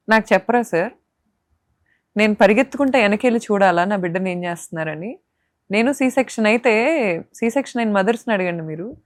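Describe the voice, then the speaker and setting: A woman's voice: medium pitch, no echo, studio quality. A young woman, an interview guest speaking with impassioned indignation and pointed rhetorical questions. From Andhra Pradesh, India. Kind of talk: emotional interview testimony.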